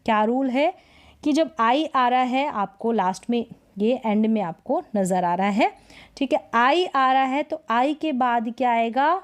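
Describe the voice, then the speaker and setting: A woman with a somewhat high voice leads a pronunciation lesson. She stretches words out slowly, repeating each sound several times. She keeps checking in with the learner through quick rhetorical questions. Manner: slow, drawn-out syllable-by-syllable demonstrations, frequent rhetorical questions. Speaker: English pronunciation teacher. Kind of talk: spoken lesson.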